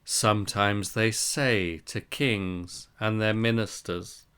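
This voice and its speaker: A man reads a Zen Buddhist scripture aloud in a smooth, resonant, fairly low voice that is a bit bright. The scripted reading moves very slowly in short, deliberate phrases, and his intonation stays fairly even.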